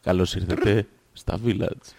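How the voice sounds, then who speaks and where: A man's voice: low-pitched, fairly even intonation, vocal fry, dark tone, pitched below the performer's own voice, full character voice. A man voicing an automated cinema answering machine, delivering stiff, repetitive recorded-menu phrases in a comic phone-line parody. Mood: robotic, polite. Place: podcast studio.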